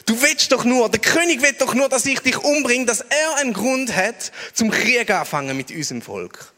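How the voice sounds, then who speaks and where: A man with a Swiss German accent voicing an outraged ancient king who shouts in exasperation. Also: high voice, sing-song, normal speed, big-room sound, pitched above the performer's own voice, full character voice.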